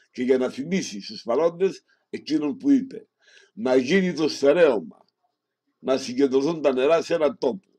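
A man reading a homily aloud in a solemn, measured way, speaking directly to the listener and closing with prayers. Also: mid-range voice, mellow. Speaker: reader of a sermon.

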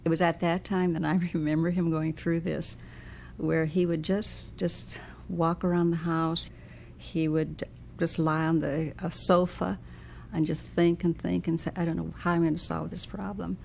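Low gravelly-voiced woman reminiscing. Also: flat delivery, moderate pace, darkish tone, slight background noise. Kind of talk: interview recollection.

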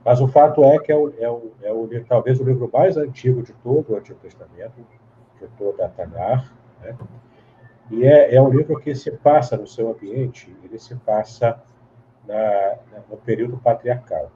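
A man's voice: medium pitch, normal speed. A man, explaining at length as an interview guest, in a teacherly way with many tag questions and restarts. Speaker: guest Bible scholar. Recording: dull lo-fi sound with faint hiss.

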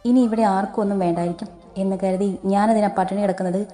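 A woman voicing a scheming sharp-tongued wife. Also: medium pitch, steady tone, fast, soft background music, close to an everyday voice.

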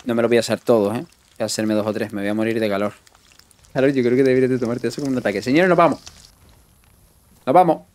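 A man's voice: medium pitch, steady tone, fast talker, long pauses, darkish tone. Chatty young man streaming a game. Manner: chatty, greets and thanks viewers. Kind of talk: live gameplay commentary.

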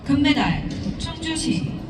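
A woman announcing over a stadium public address system, reading out results in a measured, formal way. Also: high voice, very animated, background noise. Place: outdoor athletics stadium. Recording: distant echoing loudspeaker with loud crowd.

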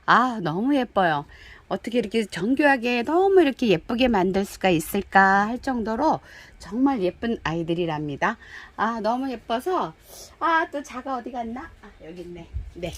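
A woman chatting warmly as she shows off handmade flowerpots, gushing over each one and reading out their sizes in a dim indoor room. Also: a little high, sing-song, normal speed. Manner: gushing, chatty, calls pots "kids". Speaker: pottery shop seller. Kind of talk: product showcase video.

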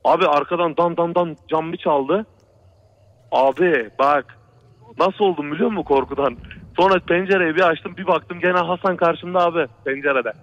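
A man with a fairly high, bright-toned voice speaks at a moderate pace, calling in to a radio show to tell a true horror story. He rambles and repeats himself, forever circling back to "he said" and "brother." The audio sounds like a dull, lo-fi radio broadcast.

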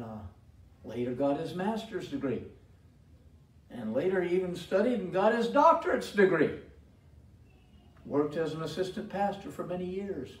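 A man's voice: mid-range voice, a little mellow. An older man preaching a sermon as pastor, with emphatic delivery and repeated calls to the congregation. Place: church sanctuary. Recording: roomy echo from a distant mic.

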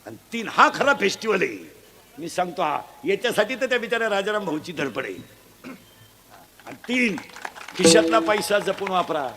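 A man preaching a comic devotional sermon, loud and joking, quizzing the audience with blunt, earthy village humour. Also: high voice, very animated, moderate pace, slight background noise. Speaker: kirtan preacher.

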